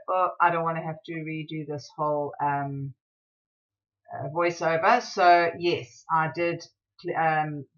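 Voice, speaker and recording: A woman from South Africa talking through a craft tutorial as a rambling, excitable voiceover. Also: deep voice, muffled recording.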